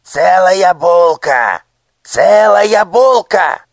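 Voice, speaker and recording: A man's voice: sits high, lively intonation, a little slow, creaky, no room sound, pitched above the performer's own voice, full character voice. A shrieking, cruel minister, all squeals and venom in a storybook reading. The voice sits far above a normal man's, thin and piercing, in a close, dry sound. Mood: shrieking rage. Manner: shouting, spitting with rage. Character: shrill, cruel male minister villain.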